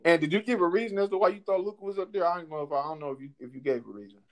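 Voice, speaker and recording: A young man co-hosting a casual podcast over a phone call, pushy and repeating himself, sometimes breaking into yelling. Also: a little high, racing. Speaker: podcast co-host. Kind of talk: casual argumentative chat.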